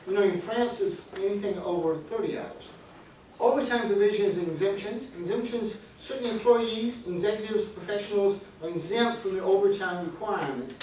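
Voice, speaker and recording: A man's voice: high voice, normal speed, darkish tone, a little hiss or hum. A man teaching a business law class, reading through points and calling on students by name with dry jokes. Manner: joking, calls on students by name. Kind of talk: classroom lecture. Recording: echoey classroom from far off.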